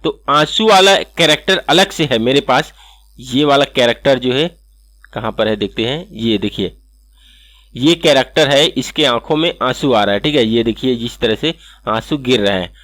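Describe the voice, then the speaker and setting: A man hosting an animation software tutorial, walking through each step and checking in with "okay" again and again. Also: medium pitch, moderate pace, dry recording. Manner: step-by-step, repeats "ठीक है" often. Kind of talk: screen-recorded software tutorial.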